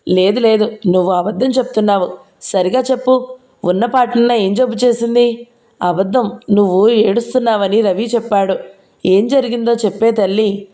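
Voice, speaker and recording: A woman's voice: fairly even intonation, normal speed, dark tone, close to an everyday voice. A woman voicing a frantic, grieving old grandmother who cannot leave her bed, pleading and wailing in a raised voice. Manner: wailing, pleading, higher than her narration.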